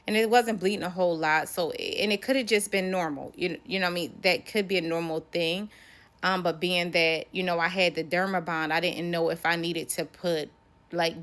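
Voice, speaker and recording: A woman's voice: low voice, fairly bright tone. An American woman, around her thirties, talking casually and ramblingly to her viewers in a personal vlog. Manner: conversational, rambling, addressing viewers directly. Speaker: vlogger.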